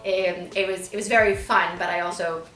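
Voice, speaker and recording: Here a Southern California woman in her thirties, originally born in Bulgaria, talks as an interview guest in a relaxed, explanatory way with frequent asides. Her voice is lowish, steady and fairly bright at normal speed, heard through a distant mic with roomy echo and faint music.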